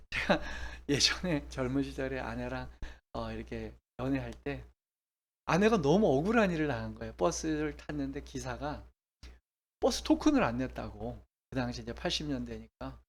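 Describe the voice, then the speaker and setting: A man's voice: medium pitch, sing-song, moderate pace. Middle-aged male pastor, emphatic sermon delivery, asks the audience many rhetorical questions.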